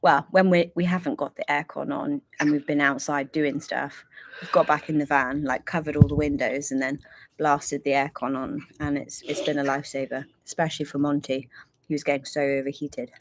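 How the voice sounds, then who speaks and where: Low-pitched woman, chatty livestream co-host in a camper van, rambling and apologetic. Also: flat delivery, normal speed, dry recording. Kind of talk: casual livestream chat.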